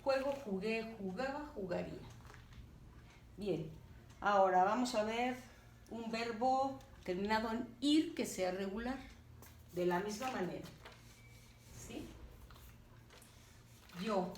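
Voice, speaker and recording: Slow, deliberate woman teacher, distant and roomy. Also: mid-range voice. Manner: slow and deliberate, checking in with "¿de acuerdo?". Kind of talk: grammar lesson. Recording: roomy, distant, faint background noise.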